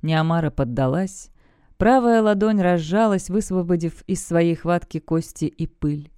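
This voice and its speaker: Fantasy audiobook narrator, mellow and smooth, dry close recording. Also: medium pitch, a little slow, no room sound.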